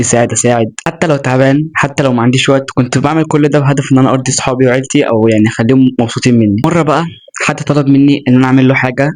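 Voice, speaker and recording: A man's voice: mid-range voice, a little mellow. A young man with an Egyptian accent giving casual motivational talk to camera, earnest and chatty, with joking asides. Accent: Egyptian Arabic. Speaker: self-improvement vlogger.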